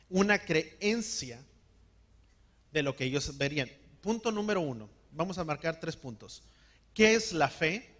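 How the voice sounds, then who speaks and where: A man preaching a sermon, calling on the congregation to repeat words after him and slowing down to stress key words. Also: a little high, fairly bright tone. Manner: call-and-response, has the congregation repeat words. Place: church hall.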